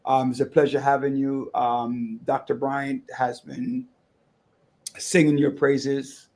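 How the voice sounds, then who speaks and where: A man in his sixties, retired from education, co-hosting a casual radio talk show with a measured, teasing manner. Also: medium pitch, level tone, a little mellow. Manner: measured, teasing, switches into Spanish. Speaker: co-host.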